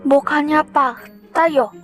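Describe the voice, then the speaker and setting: A woman's voice: high-pitched, slow pace, faint music behind. A woman voicing a nosy, mocking middle-aged village gossip in a drama. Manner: mocking, prying.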